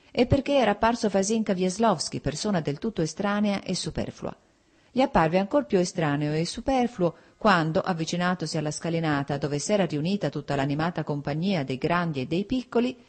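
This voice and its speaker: A woman narrating a classic novel as an audiobook, in a steady, even reading voice. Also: lowish voice. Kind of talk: scripted narration.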